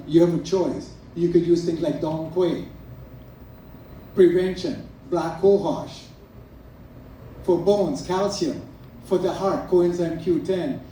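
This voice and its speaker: A man's voice: fairly high pitch, mellow. A middle-aged man from Trinidad and Tobago, a naturopath giving an earnest, emphatic promotional talk to a live audience, listing items one by one. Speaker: naturopath speaking at a product event. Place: event room with an audience. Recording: echoey room from far off with faint noise.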